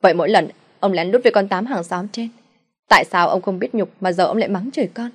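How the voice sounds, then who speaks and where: A long-suffering mother , played by a woman narrator, finally shouts back at her husband. Her voice rises and grows loud with defiance. She sounds pushed to the edge. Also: lowish voice, fairly even intonation, fast, slightly rough. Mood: defiant. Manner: pleading then shouting back.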